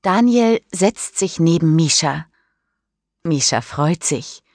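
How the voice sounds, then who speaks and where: A woman reading a children's story aloud in a clear, careful way, lifting her voice for the characters' lines. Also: sits low, lively intonation, slow, a little mellow, no echo, studio quality. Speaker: audiobook reader. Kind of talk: scripted storybook narration.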